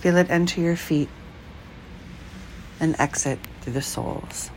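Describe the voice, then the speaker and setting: A woman leading a guided breath meditation, speaking slowly, calmly and softly. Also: sits low, slight background noise, rough recording. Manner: slow, calm, soft-spoken.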